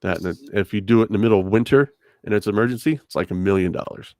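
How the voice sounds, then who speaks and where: A man's voice: fairly low pitch, quick pace, darkish tone, no echo. A middle-aged man answering casually as a podcast guest, close on a desktop condenser mic. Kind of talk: casual interview storytelling. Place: home room with bookshelf, indoors. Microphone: desktop condenser mic with pop filter, close up.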